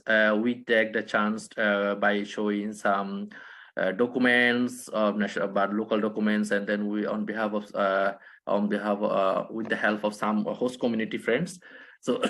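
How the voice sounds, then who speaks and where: A Rohingya man from a Bangladesh refugee camp, speaking as a panelist in a halting way with many restarts. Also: fairly low pitch, fairly bright tone. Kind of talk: online panel talk.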